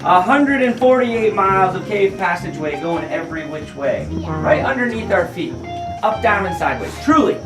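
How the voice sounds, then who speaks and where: High-voiced American man, echoing cave guide. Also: expressive, normal speed. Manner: folksy, addresses the group with questions. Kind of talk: guided tour talk with storytelling. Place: inside a cave with a tour group. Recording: echoey, distant, with guitar music underneath.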